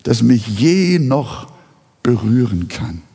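Ein Prediger spricht einen hartgesottenen Häftling. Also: male voice, medium pitch, big pitch swings, slow pace, dark tone, breathy edge, in a large hall, full character voice. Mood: pleading. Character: hardened adult male convict in a prison cell.

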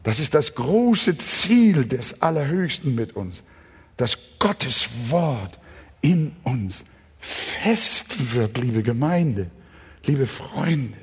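A male pastor preaching a sermon in a church, with emphatic delivery that swells into loud, passionate stretches, and direct questions to the congregation. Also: mid-range voice, big pitch swings, very slow, husky. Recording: long church hall reverb.

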